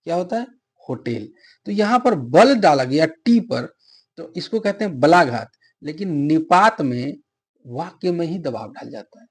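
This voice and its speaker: A middle-aged male teacher with a husky, slightly high voice. He explains grammar patiently, asks a question and then answers it himself, and works through spoken examples. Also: expressive, normal speed. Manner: asks viewers to subscribe and comment. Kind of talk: Hindi grammar lesson for exam prep.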